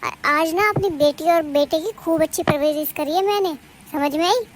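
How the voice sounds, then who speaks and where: A woman's voice: sits high, normal speed, lightly acted. A woman voicing a domineering mother-in-law in a cartoon, lecturing and scornful.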